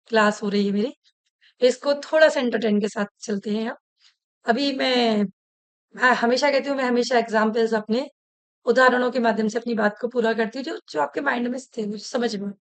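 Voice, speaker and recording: Woman, teacher, online lecture, chatty, anecdotes, frequent restarts, slightly high voice.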